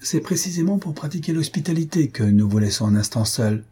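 A man reading aloud and voicing a composed, quick-witted young woman, in a husky voice. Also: mid-range voice, mellow, natural voice.

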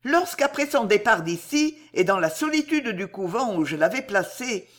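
A middle-aged countess, poised and ironic, speaks with sweeping, lively melody, as a woman reader puts her on. She talks in a storybook register, sure of herself and gently scornful. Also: mid-range voice, moderate pace. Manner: mocking, smiling, poised. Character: ironic, self-assured aristocratic countess, middle-aged mother. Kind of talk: audiobook character reading.

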